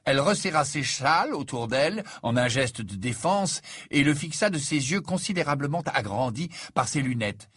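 Man, amateur story reading, husky voice, lively pitch. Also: no room sound. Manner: hesitant, halting reading with asides.

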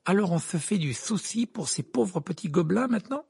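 A teasing teenage wizard boy, voiced by a male reader, mocking one moment and uneasy the next. His voice is husky and gravelly with lively pitch, in a storybook reading. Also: fairly quick, exaggerated voice.

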